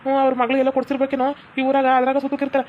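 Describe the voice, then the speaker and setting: A woman's voice: high voice, completely flat delivery, dull audio, a little hiss or hum, natural voice. A woman doing a nosy gossiping village girl. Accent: North Karnataka Kannada. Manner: quick gossiping chatter.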